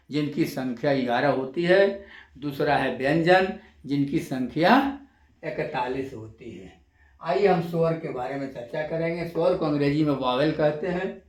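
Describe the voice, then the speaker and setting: A man lecturing as a college lecturer, repeating each definition slowly and drawing out example sounds. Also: fairly high pitch, roomy sound. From India. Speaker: intermediate college lecturer teaching Hindi grammar. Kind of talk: classroom-style lesson to camera.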